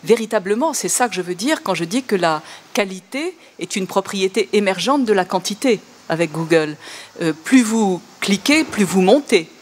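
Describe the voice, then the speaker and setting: A woman talks as a guest in an interview, at an ordinary middle pitch. Her speech is halting, full of fillers and restarts, and she is easily amused. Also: expressive, slight background noise. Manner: hesitant, many fillers and restarts; amused, laughs at her own reading. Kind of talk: conversational interview talk.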